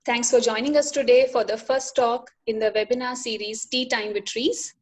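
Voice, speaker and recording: Higher-pitched woman, hosting. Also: steady tone, moderate pace. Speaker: webinar host. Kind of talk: prepared introduction.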